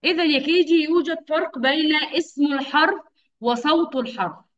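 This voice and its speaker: A woman teaching young children over a video call, with patient, drawn-out enunciation and frequent praise. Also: high voice. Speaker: kindergarten teacher. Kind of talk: online phonics lesson for young children. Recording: dull lo-fi video call audio.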